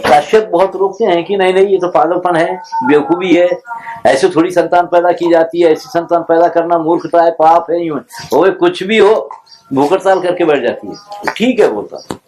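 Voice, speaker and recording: A man giving an informal lecture, telling scripture stories in an unhurried, discursive storytelling way. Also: a little high, a little mellow. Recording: noisy archival recording.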